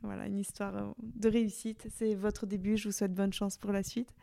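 A woman hosting a podcast interview, speaking softly and casually, with short encouraging replies. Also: mid-range voice, little pitch movement, normal speed, creaky, no room sound. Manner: brief encouraging backchannels, soft-spoken. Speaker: podcast host.

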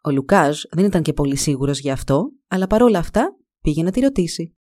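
A woman narrating a folk tale in a calm, measured storytelling voice. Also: sits low.

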